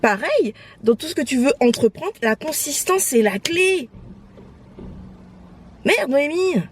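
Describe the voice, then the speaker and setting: A young woman vlogging casually from her phone while out and about, animated and outspoken, slipping between French and English. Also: sits high, takes it slowly, slight background noise. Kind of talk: casual vlog chat.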